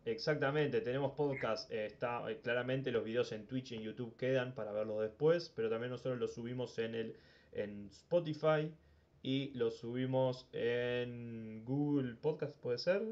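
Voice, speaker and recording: A man's voice: medium pitch, normal speed, darkish tone, muffled recording. A Uruguayan man hosting a casual sports talk podcast, rambling and often repeating words as he thinks. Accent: Uruguayan Spanish. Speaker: podcast host.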